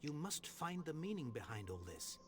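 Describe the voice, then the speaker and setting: An actor playing a stern, grieving older father who speaks in a formal, insistent, measured way. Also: fairly high pitch, big pitch swings, fairly bright tone, husky, soft background music, exaggerated voice. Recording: noisy game audio.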